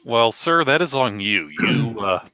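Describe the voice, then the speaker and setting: A man's voice: mid-range voice, animated, unhurried, bright, forceful tone. A man co-hosting a casual livestream, trading dry jokes and explaining things at length. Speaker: livestream co-host. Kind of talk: casual chat.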